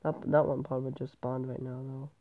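Brisk and flat, a medium-pitched male voice delivers loose game commentary, correcting himself repeatedly while battling a cold-blocked nose. The host records on a tablet microphone, so the audio comes out tinny and phone-like.

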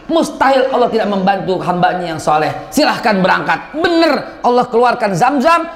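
A man preaching a lively sermon, animated and acting out quoted voices in local slang. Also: high voice, long reverb tail.

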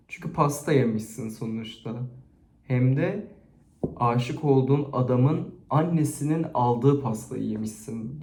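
A man chatting casually to a camera, reading out embarrassing stories and rating them, expressive and chatty. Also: mid-range voice. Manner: chatty and expressive, with frequent laughter. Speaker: YouTuber reading viewers' stories. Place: indoors at home, set-up camera. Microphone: camera on a stand. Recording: echoey room.

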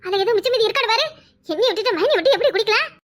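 A lazy, greedy young sister-in-law from a cartoon, played by a woman, careless and cheeky, speaking with a Kanyakumari Tamil accent. Her voice is very high and bright, and she dismisses everyone around her. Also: animated, very fast. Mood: indignant. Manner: brash, mocking, careless. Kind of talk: cartoon voice acting.

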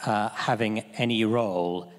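Low-pitched audience member, hesitant, reverberant hall. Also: male voice, measured pace. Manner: hesitant with fillers. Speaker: audience member asking a question.

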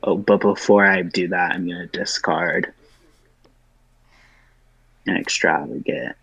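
Slow low-voiced man calling game moves. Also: fairly even intonation, gravelly, a bit bright, slightly rough, dry recording, highs cut off. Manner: slow, deliberate. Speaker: board game player. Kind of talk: announcing game moves over voice chat.

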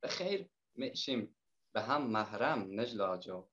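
Soft-spoken Herati poet reciting verse. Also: male voice, lowish voice, very animated, highs cut off. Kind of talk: reciting poetry in dialect.

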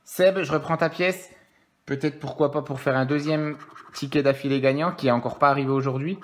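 A jokey man riffs through his scratch cards in a relaxed, casual commentary. He reads the numbers aloud and answers his viewers as he goes. Faint noise hums behind his voice. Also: on the high side, fairly quick. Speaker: scratch-card streamer.

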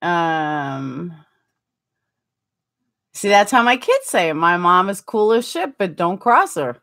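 Speaking slowly in a fairly bright, low-leaning voice with big pitch swings, a forties-aged livestream host chats casually and laughs a lot. She reads viewers' comments aloud while poking fun at herself, on a desktop webcam in a small curtained room.

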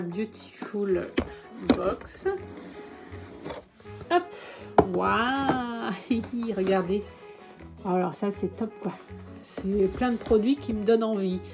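Slow-talking enthusiastic French woman. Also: medium pitch, a little mellow. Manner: enthusiastic, many fillers and exclamations. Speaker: beauty and lifestyle vlogger. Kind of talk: casual unboxing vlog.

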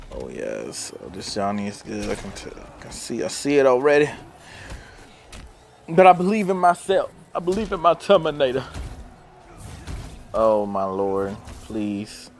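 A man's voice: mid-range voice, gravelly. A man giving casual commentary on his own fighting game matches, trash-talking with swearing, then fretting nervously when he falls behind. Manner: excitable trash talk with swearing and taunts; nervous self-talk and sighs when losing.

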